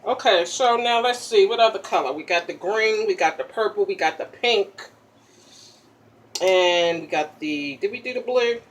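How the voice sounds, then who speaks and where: A woman's voice: medium pitch, normal speed, a little hiss or hum. A woman hosting a casual makeup tutorial in an ASMR style, chatty and popping gum, checking in with "okay?" after each step. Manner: pops chewing gum while talking.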